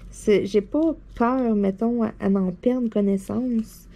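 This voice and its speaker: A woman with a Québécois French accent, seated at her desk, telling anecdotes to her viewers in a chatty, animated way, full of fillers and laughter. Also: on the high side, takes it slowly. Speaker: vlogger. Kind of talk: casual anecdote storytelling to viewers.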